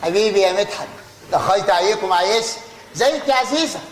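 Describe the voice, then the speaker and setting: A man's voice: sits high, expressive, quick pace, slight background noise. An actor with an Egyptian accent playing a showy young son back from Europe, gushing over his family. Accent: Egyptian Arabic. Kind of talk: stage comedy acting. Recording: roomy stage sound.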